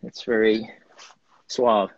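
On the low side and level in tone, this man speaks slowly as a guest ceramic artist, chatting from his pottery studio on a live video stream and filling his rambling with ums as he shows his work. A phone or webcam picks him up, with the highs cut off.

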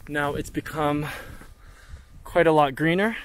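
Unhurried and steady in tone, a man with a voice on the high side offers casual travel vlog commentary, informal and speculative, with occasional swearing. The handheld recording, made outdoors and aboard a train, carries noisy outdoor and travel ambience.

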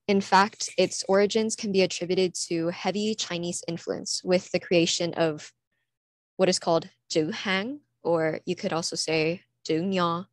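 Her pitch is fairly low, and no room sound comes through her computer mic. She's a teenage Californian, from the USA, presenting prepared student work at an online conference, earnestly and steadily reading her slides with small pauses.

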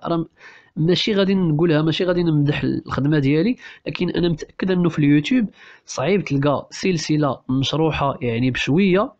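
A man with a Moroccan Arabic accent teaching a French novel for exam prep, explaining quickly and switching between languages with many restarts. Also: fairly high pitch, a little mellow, highs cut off.

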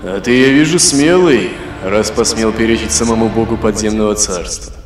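A man voicing a sardonic ancient god of the underworld, speaking in a slow, sepulchral, sarcastic voice. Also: on the low side, natural voice. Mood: menacing, sarcastic. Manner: sarcastic, mocking. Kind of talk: audiobook character voice. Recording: echoey hall reverb with faint music.

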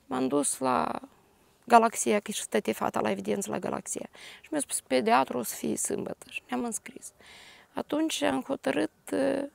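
An older woman with a Moldovan Romanian accent, a grieving grandmother giving a halting, detailed personal testimony. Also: high-pitched, vocal fry, no echo. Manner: halting, detailed retelling with restarts.

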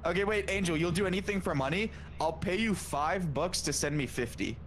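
A man's voice: high voice, fairly quick, fairly bright tone, slight background noise. A young man joking and teasing crudely in casual gaming voice chat. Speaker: game player.

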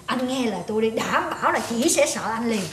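A woman's voice: fairly high pitch, brisk, echoey room. A woman with a Southern Vietnamese accent playing a meddling neighbor who pushes and coaxes in a comedy sketch. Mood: scheming. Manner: pushy, animated coaxing. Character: meddling female neighbor, chatty and scheming.

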